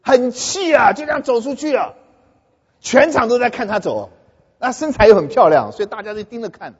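A man preaching a sermon in a lively storytelling way, with a high, somewhat husky voice. He keeps turning to his listeners with questions. The dull, lo-fi audio carries a long hall reverb. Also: a little fast. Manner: animated storytelling with questions to the audience. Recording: echoey hall, dull lo-fi sound.

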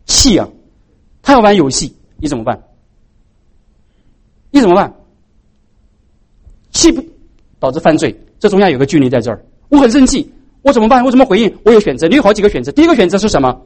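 A man's voice: high-pitched, very animated, fairly quick, pauses often, a little mellow. A man preaching a sermon as pastor, posing rhetorical questions to the congregation.

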